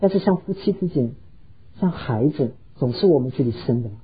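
A man's voice: medium pitch, expressive, fairly quick, breathy edge, lo-fi sound. A pastor preaching a sermon, earnestly telling stories and slipping English words into his talk. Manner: earnest, heartfelt storytelling.

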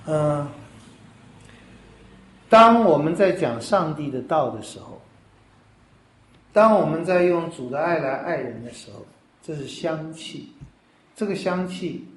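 A pastor giving a sermon in a conversational way, explaining step by step and asking rhetorical questions. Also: male voice, fairly high pitch, animated, a little slow, pauses often, reverberant, poor audio.

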